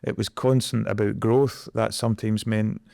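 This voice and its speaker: A man's voice: on the low side, fairly even intonation, moderate pace, vocal fry, dark tone, no room sound, studio quality. A Scottish man in his forties, a guest in an interview, talking earnestly and reflectively about his career. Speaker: guest, energy project director. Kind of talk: conversational interview.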